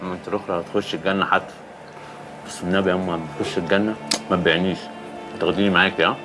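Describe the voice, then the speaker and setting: Blind Egyptian son, played by an actor, teasing and tender, very fast talk over music. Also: male voice, deep voice, fairly even intonation, lightly acted. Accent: Egyptian Arabic. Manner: teasing, affectionate. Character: blind young man teasing his mother.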